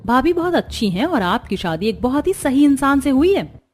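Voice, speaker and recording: A woman's voice: sits high, big pitch swings, normal speed. A woman voicing an outspoken young sister-in-law who talks frankly and teasingly.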